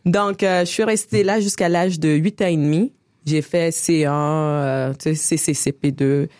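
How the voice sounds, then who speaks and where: A woman in her forties from Niger, with a Quebec French accent, telling her life story in a relaxed interview, full of hesitations and laughter. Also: sits low, a little slow, dry recording, studio quality. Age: 40s. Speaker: guest. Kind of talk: casual conversational interview.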